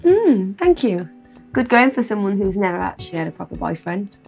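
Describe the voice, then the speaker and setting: A woman's voice: mid-range voice, sing-song, vocal fry, a little mellow, husky, soft background music, full character voice. An actress playing a witty, bossy young woman on a video date in a game. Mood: playful. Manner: brisk, bossy, teasing. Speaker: dating-game character. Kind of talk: scripted video-date acting.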